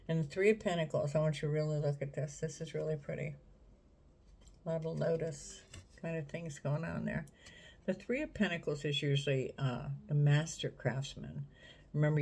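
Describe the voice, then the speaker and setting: A woman reading tarot cards in a casual, unhurried way, musing aloud and talking straight to the viewer. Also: low voice, warm tone. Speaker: tarot reader.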